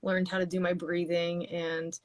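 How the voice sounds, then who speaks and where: A woman musician is an interview guest on a video call, chatting casually in loose, rambling sentences full of restarts. Her voice is on the low side, monotone, and measured in pace.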